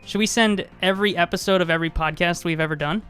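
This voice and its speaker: A man's voice: high-pitched, fast, bright, forceful tone, faint music behind. A man co-hosting a podcast, chatting casually on a live stream and rambling with many fillers and restarts. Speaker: podcast co-host.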